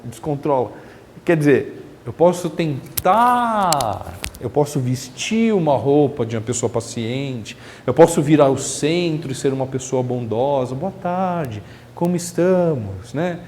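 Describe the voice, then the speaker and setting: A man's voice: mid-range voice, expressive, measured pace, a little mellow, long reverb tail, slight background noise. A man giving a spiritist lecture in a chatty way, asking the audience rhetorical questions. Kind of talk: religious lecture. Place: lecture hall of a spiritist center.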